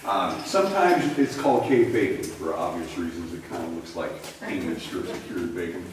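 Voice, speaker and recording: A man's voice: low voice, animated, normal speed, slight background noise. Guy guiding a cave tour, super echoey and far from the mic, folksy and jokey. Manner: folksy, joking with the group. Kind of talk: informal guided tour commentary. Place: inside a cave.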